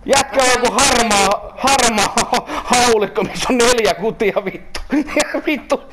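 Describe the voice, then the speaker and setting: A young man streaming a game, calling out instructions to a teammate, swearing and yelling between laughs. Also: extremely high pitch. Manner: laughs while shouting in exasperation. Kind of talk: live gameplay commentary. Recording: noisy home stream recording.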